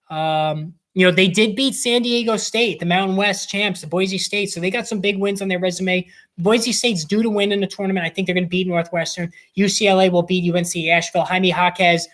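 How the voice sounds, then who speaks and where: Rambling sports-picks host, heavy on fillers. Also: medium pitch. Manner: rambling, many fillers and restarts; confident, opinionated picks. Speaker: sports bracket analyst host. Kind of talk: casual sports predictions monologue.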